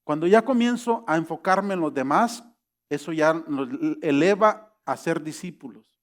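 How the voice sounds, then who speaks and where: A man's voice: fairly high pitch, expressive, a little slow. A middle-aged man preaching a sermon, acting out quoted voices and rising to emphatic peaks. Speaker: pastor.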